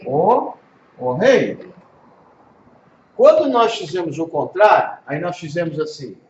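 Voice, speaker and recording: A man's voice: on the high side, expressive, takes it slowly, a little mellow. A Brazilian man, a pastor, gives an informal Hebrew lesson, patiently repeating pronunciations and checking understanding. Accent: Brazilian Portuguese. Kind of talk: informal one-on-one language lesson. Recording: echoey room, dull lo-fi audio, faint noise.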